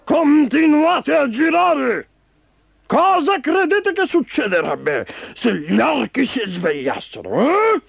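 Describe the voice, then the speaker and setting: A man's voice: extremely high pitch, sing-song, slow pace, vocal fry, dry recording, soft background music, voice pushed up, exaggerated voice. Razzo, a man doing a bossy, rousing toy car. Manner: loud, rousing and commanding. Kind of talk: storybook voice acting.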